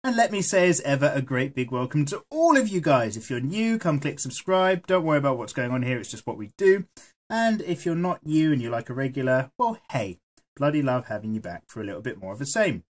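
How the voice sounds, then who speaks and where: A man chatting casually while he draws, rambling and swearing freely as he goes, with a voice that is going hoarse. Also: medium pitch, sing-song, fairly quick. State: losing his voice. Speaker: art vlogger. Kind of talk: casual chat while drawing.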